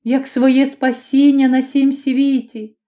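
A grieving young witch wife who pleads with her husband through tears, as a woman voices her. Her voice is pitched high and slow, with a dark, mellow tone. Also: level tone. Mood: pleading. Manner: tearful, imploring.

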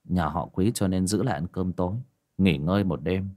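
An easygoing young village son answers calmly in a low voice, as a man puts him on. His tone is husky and steady. He belongs to a spoken horror story. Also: moderate pace.

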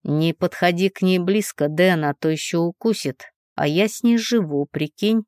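Женщина озвучивает небрежного насмешливого парня. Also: female voice, fairly low pitch, normal speed, darkish tone, no room sound, studio quality, close to an everyday voice. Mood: teasing. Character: young man, teasing, laid-back. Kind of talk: audiobook character voicing.

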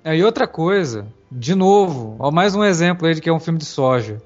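Brazilian man, high register, argumentative podcast co-host, muffled lo-fi audio. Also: expressive, fairly quick, faint music behind. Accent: Brazilian Portuguese. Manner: blunt, dismissive, argumentative. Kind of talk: heated casual film discussion. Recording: dull lo-fi recording.

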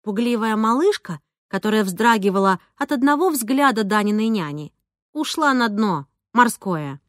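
A young woman narrating a story in first person, with lively, expressive delivery. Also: a little high, normal speed, no echo, studio quality. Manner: lively, expressive dialogue reading. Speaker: audiobook narrator.

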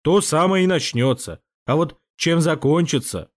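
A man voicing an agitated elderly prince who shouts in a cracking voice, in an audiobook. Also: on the high side, moderate pace, pitched above the performer's own voice, close to an everyday voice. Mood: worried. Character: agitated elderly Russian prince, old friend. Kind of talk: audiobook character voice.

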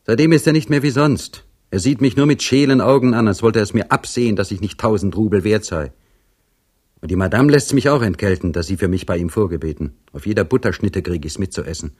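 A man's voice: fairly low pitch, brisk, darkish tone, breathy edge. A man voicing a sly, discontented male manservant in a storybook reading, speaking sarcastically and complaining. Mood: aggrieved.

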